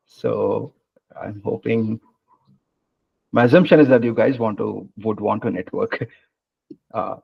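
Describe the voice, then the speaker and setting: A man's voice: fairly low pitch, gravelly, slightly rough. A man hosting a webinar over a video call, speaking casually with many hesitant fillers. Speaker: webinar host. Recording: muffled video-call audio.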